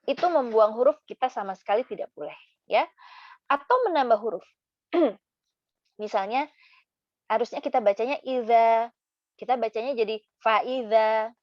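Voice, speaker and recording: A woman giving a casual lesson on Quran recitation, chatting with many fillers and slowly demonstrating how words should be recited. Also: medium pitch, dry recording, dull audio.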